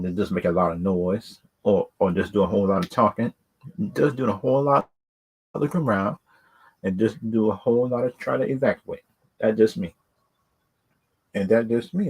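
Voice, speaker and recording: Here a man with a lowish, darkish, slightly rough voice chats informally as a video host about films and games. His opinions are unscripted and rambling, full of repeated words and stock phrases.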